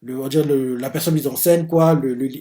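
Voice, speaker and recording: A man's voice: mid-range voice, steady tone, a little fast, warm tone. A man casually recapping a manga chapter, rambling and leaning heavily on filler words. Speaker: manga reviewer.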